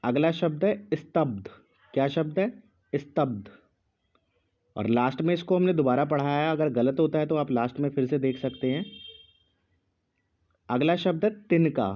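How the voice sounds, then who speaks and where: Guy giving a slow spelling dictation, repeats every word, kinda dull audio. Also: a little high. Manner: speaks slowly with pauses, repeats each word. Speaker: Hindi teacher.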